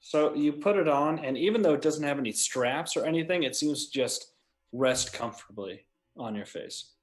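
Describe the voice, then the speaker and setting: A man running a tabletop game as game master, describing scenes in a measured way that slows down for detail. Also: on the high side, expressive.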